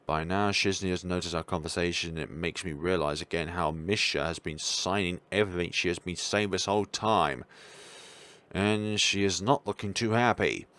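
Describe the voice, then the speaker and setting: A young man reads a visual novel aloud as a let's player, expressive but sometimes stumbling, adding casual commentary of his own. His voice is low-pitched at a moderate pace.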